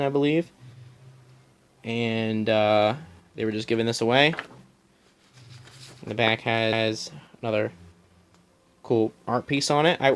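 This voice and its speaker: A man's voice: medium pitch, slight background noise. A young man casually showing his collection to a phone camera, rambling with many ums and restarts in a small room at home. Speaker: collector giving a room tour. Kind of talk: casual filmed walkthrough.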